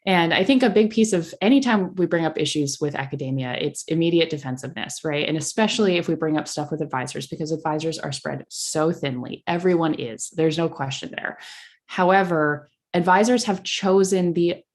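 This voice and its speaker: A woman's voice: low voice, a little fast. A young adult woman speaking as a podcast guest in candid conversation, blunt and impassioned.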